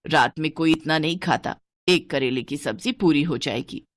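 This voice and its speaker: Stingy bossy mother-in-law, voiced by a woman, low and dry, for a village skit. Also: normal speed, dry recording, close to an everyday voice. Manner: scolding, bossy, penny-pinching. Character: stingy cunning middle-aged mother-in-law. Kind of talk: dubbed village skit dialogue.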